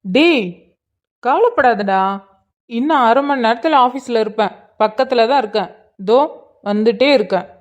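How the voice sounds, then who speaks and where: A woman's voice: on the high side, normal speed, pauses often, dull audio, close to an everyday voice. A woman voicing an easygoing young man who reassures his worried friend in a cartoon. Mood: breezy. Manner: breezy, reassuring. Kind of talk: cartoon voice acting.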